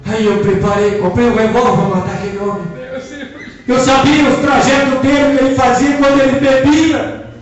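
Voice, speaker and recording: A man preaching his testimony at a Pentecostal service, swinging between hushed storytelling and shouted appeals. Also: extremely high pitch, fairly even intonation, normal speed, highs cut off. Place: church service hall. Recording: echoey church hall, distant mic, music and congregation.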